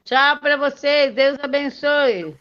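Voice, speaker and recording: A woman's voice: high-pitched, takes it slowly, a bit bright. A woman chatting and teasing lightly during a church video call. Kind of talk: casual chat on a video call. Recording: dull lo-fi sound with faint noise.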